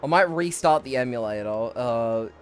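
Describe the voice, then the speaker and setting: A man's voice: mid-range voice, animated, moderate pace, over music. A young man giving casual live commentary on his gameplay, rambling and swearing, a bit out of breath. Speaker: streamer.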